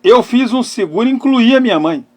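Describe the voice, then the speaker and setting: With a notably high-pitched, animated voice, a middle-aged man preaches as a pastor, drawing on personal testimony. He lands phrases emphatically, pauses for drama, and alternates loud stress with quiet delivery. He is a pastor and therapist hosting a live talk.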